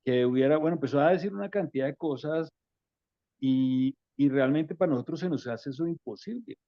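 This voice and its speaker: A man, at a middle pitch, tells his story calmly and hesitates often. The recording sounds dull and very dry, with no room echo. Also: brisk. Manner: relaxed, hesitant, with many fillers. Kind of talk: conversational storytelling.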